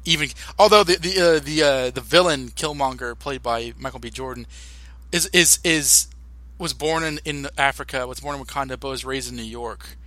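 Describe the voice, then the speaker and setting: Young American man, podcast co-host, bright voice, halting restarts, dry close mic. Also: mid-range voice, dry recording. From United States. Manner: animated, halting with many restarts and fillers. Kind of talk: casual podcast chat.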